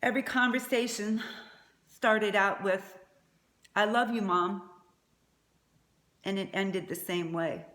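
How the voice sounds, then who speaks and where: A woman's voice: medium pitch, slow pace, long pauses, a bit bright. A middle-aged woman giving a prepared eulogy as a mother, speaking in a tender, faltering way. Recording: echoey room.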